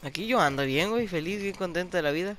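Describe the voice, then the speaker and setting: Excitable high-voiced Mexican gamer man. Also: fast talker, a little hiss or hum. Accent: Mexican Spanish. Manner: loud, excitable, swearing. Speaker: gamer youtuber. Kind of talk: casual gameplay commentary. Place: home.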